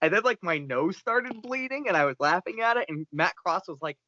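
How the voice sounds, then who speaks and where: Animated man telling a story on a podcast. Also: high-pitched, a little fast, no room sound. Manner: animated storyteller, acts out quoted lines. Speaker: podcast guest. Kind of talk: casual storytelling. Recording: dull lo-fi podcast audio.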